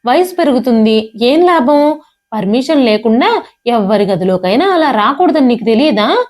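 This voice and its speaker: A woman voicing an angry uncle who shouts harshly at his nephew. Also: on the high side, lively intonation, normal speed, natural voice. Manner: shouting, scolding.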